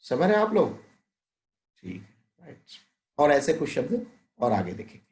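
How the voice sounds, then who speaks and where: A man teaching a recorded Hindi lesson to young children, drawing out each word slowly, glossing meanings in English and calling his pupils "beta". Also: fairly high pitch, very animated, a little mellow. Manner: slow, drawn-out word-by-word pronunciation, explaining meanings with English glosses; addresses pupils as "beta", asks frequent checking questions. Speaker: primary school teacher. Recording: echoey room.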